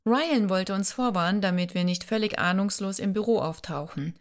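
A woman's voice: mid-range voice, normal speed, lightly acted. A woman voicing a confident, composed billionaire, reading audiobook dialogue firmly and reassuringly.

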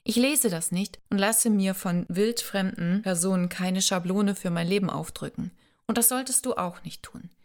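A woman's voice: mid-range voice, normal speed, lightly acted. A woman voicing a confident, composed billionaire, reading audiobook dialogue firmly and reassuringly.

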